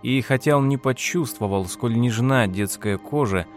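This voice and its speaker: A man narrating an audiobook in a steady, measured reading style. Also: mid-range voice, soft background music. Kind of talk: scripted narration.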